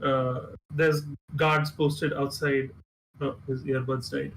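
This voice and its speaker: A man narrating as game master of a tabletop game over voice chat, halting with many filler words. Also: mid-range voice, little pitch movement, poor audio. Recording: faint background noise.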